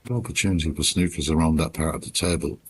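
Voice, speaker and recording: Very deep-voiced man, hushed golf-style sports commentary. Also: fairly even intonation, a little hiss or hum. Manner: measured, sparse phrases with long pauses. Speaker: snooker commentator.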